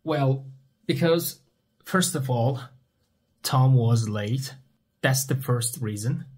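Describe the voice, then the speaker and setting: A man teaches at a very unhurried pace. His voice is husky and mid-pitched. He asks a question, pauses, and then answers it himself in simple words. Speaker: English teacher. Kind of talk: slow question-and-answer language lesson.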